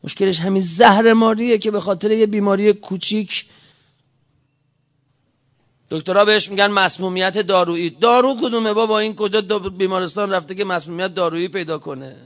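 A man preaching an impassioned sermon to a religious gathering, fervent and at times rising to shouts. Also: high-pitched, lo-fi sound.

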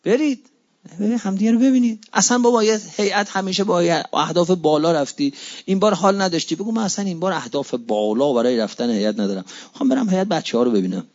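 Brief: fervent male preacher, slightly high voice, repeats lines, dull lo-fi sound. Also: expressive, darkish tone. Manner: impassioned, swings from low murmurs to high exclamations; repeats phrases for emphasis, recites Arabic hadith slowly. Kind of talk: religious sermon. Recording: dull lo-fi recording.

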